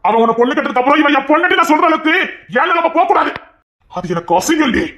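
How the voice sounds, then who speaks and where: A man's voice: extremely high pitch, big pitch swings, racing, sharp tone, exaggerated voice. A man voicing a possessive, hot-tempered young husband in an audio drama. He talks in a stern, scolding way. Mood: jealous. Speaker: voice actor in an audio serial.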